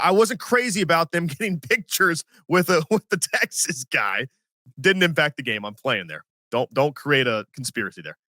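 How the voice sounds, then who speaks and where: A man in his forties hosting a sports podcast, telling stories in an animated, self-mocking way and acting out what others said. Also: fairly high pitch, no echo, studio quality. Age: 40s. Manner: animated, self-mocking storyteller who acts out quotes. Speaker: podcast host. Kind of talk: casual sports podcast storytelling.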